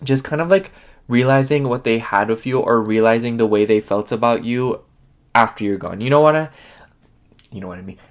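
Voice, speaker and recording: Medium in pitch and fairly quick, this man's sniffly, nasal voice carries a casual tarot reading. He's talkative and rambling, with lots of fillers throughout.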